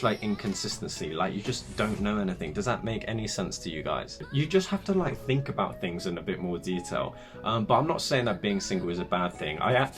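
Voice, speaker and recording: A young man from England, talking through a casual get-to-know-me vlog in a chatty, rambling, self-deprecating way. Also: sits low. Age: young adult. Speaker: YouTuber.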